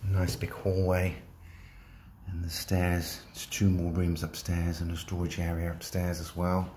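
A very low, deep man's voice with an English accent, listing features in a plain, matter-of-fact way as he walks through empty rooms. His delivery stays almost completely monotone, recorded on a handheld phone with a faint hum of room ambience behind him. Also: unhurried. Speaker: property seller giving a walkthrough. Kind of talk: casual property tour narration. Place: empty rooms of a shop building, indoors. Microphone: handheld phone, walking.

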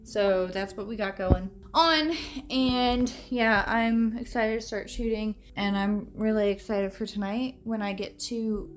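A woman's voice: medium pitch, measured pace, soft background music. A young woman in her twenties talking to her phone camera in a casual vlog, tired and rambling with lots of fillers, first from bed and then indoors in a small rental house. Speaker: content creator. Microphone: phone held at arm's length.

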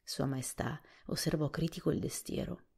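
A woman narrating a storybook in a calm, hushed reading voice. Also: low voice, moderate pace, gravelly, slightly rough. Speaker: audiobook narrator.

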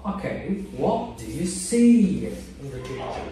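Slow, patient male teacher, echoey room. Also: a little high, big pitch swings, mellow. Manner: slow, patient prompting, models words to repeat. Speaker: English teacher. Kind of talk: oral English test with a young learner. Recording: echoey room, mic far off, faint noise.

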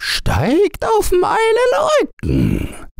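A man voicing a small, grateful and kind sea turtle in a storybook, speaking in a high, slow and formal singsong. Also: wildly swooping pitch, vocal fry, no echo, studio quality, full character voice. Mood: gentle.

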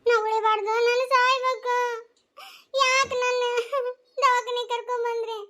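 A woman's voice: very high-pitched, little pitch movement, moderate pace, pushed and bright. A woman voicing a despairing young village woman in a cartoon, with a North Karnataka Kannada accent, weakly refusing to be saved.

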